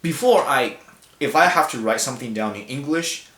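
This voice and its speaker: A young man from China, a native Mandarin speaker, delivers a personal talk whose sound rings through a spacious, echoing hall. His mid-pitched voice is expressive and a bit bright. He reflects as he goes, halting with lots of ums, restarts and self-corrections.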